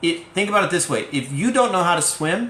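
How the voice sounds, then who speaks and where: A man co-hosting a live-streamed parenting chat, explaining things in a patient, teacherly way with gentle jokes. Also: high-pitched, big pitch swings, drawn-out words. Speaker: parenting talk co-host, teacher. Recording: echoey room, faint background noise.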